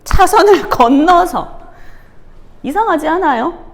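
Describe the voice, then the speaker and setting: A woman's voice: very high-pitched, animated, slow. A woman, a Sunday school teacher giving a children's sermon and telling stories animatedly while quizzing the kids. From Gyeongsang region of South Korea.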